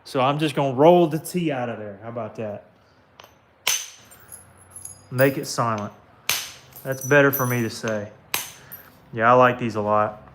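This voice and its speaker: A man's voice: mid-range voice, measured pace, long pauses. Southern American man, casual live-stream host, chatty and easygoing, heavy knocking noise in the background. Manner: chatty, talks to viewers by name while working. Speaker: livestream host. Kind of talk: casual live-stream chat while flintknapping. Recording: clicks and knocking of stone work.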